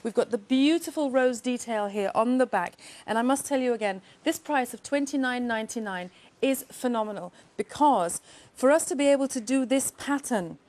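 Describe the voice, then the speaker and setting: A woman representing a shapewear brand on a TV shopping show, giving an effusive sales pitch and calling viewers darling and girls. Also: normal speed, hardly any pauses, a little mellow.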